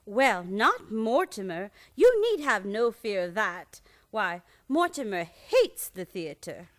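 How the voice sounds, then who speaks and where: A woman's voice: mid-range voice, big pitch swings, slow. A woman playing a genteel, chatty, doting old aunt in a radio play, sweet and fussing as a hostess. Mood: fond, earnest. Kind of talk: stage-style radio play acting.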